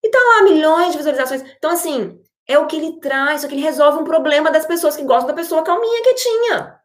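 Brazilian woman, kinda high voice, lively motivational talk to her followers. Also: fast, reverberant. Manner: energetic and expressive. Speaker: online creator and entrepreneur.

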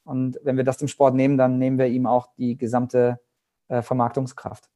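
Mellow-voiced man musing at length. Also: medium pitch, monotone, moderate pace. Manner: reflective, many restarts and fillers. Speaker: guest, sports marketing agency head. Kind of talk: interview answer.

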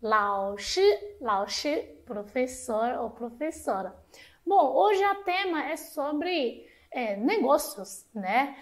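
A woman with a Chinese accent and Mandarin as her first language, slowly and patiently teaching a short lesson on a talk show. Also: high voice, animated. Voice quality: slow, patient explaining with repeated drilled syllables.

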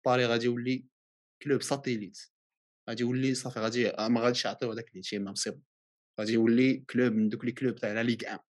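Moroccan-accented man, very rapid casual sports debate, insistent, French phrases mixed in, mid-range voice. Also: mid-range voice, little pitch movement. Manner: mixes in many French phrases.

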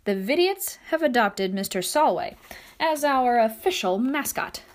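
A woman narrates a first-person novel with a bright, fairly high voice. Her pitch rises and falls freely as she tells the story. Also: a little slow. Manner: lively, expressive storytelling. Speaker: audiobook narrator.

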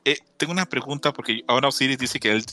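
A Mexican man in his thirties co-hosts a podcast, telling stories in casual chat and mimicking voices as he laughs. His voice is medium-pitched, bright and pushed, and he talks very fast with a Mexican Spanish accent.

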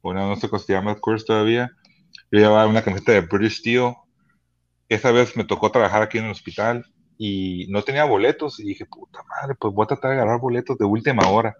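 A man, telling concert stories as a podcast guest in a casual, profane, animated way. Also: on the low side, quick pace, dull audio. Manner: profane, animated, many restarts. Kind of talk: casual storytelling chat. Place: Chula Vista hospital.

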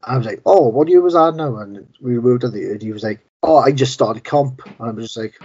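A man's voice: mid-range voice, brisk, darkish tone, husky. A middle-aged man on a podcast, chatting casually and laughing often. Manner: laid-back, swears casually, laughs often. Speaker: podcast co-host. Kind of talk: casual chat. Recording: dull lo-fi sound.

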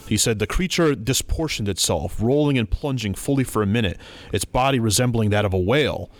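A man with a somewhat low voice talks casually on a podcast. He tells stories with lively animation and reads old quotes aloud. The sound is dry and close. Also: a little fast, dry recording. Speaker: podcast co-host.

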